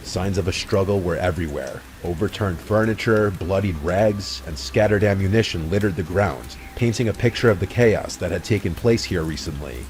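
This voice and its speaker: A man with a low voice reads a horror story in a measured, brooding way. Faint ambient sound sits behind him. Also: darkish tone, slight background noise. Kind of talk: scripted horror narration.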